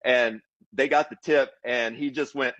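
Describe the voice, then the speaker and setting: Man, mid-pitched voice, wry relaxed storytelling, dry close sound. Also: unhurried, dry recording, lo-fi sound. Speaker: former basketball player. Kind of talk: telling a story in an interview.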